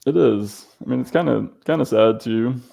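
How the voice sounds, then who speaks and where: A man's voice: medium pitch, normal speed, gravelly, mellow. A man from the southern US, a podcast guest, chatting in an easygoing, hesitant way. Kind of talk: casual chat.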